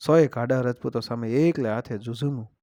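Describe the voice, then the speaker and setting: A man's voice: medium pitch, fairly quick, warm tone, no room sound. A man narrating a heroic folk legend in a dramatic, declamatory style, reciting verse along the way. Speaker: storyteller.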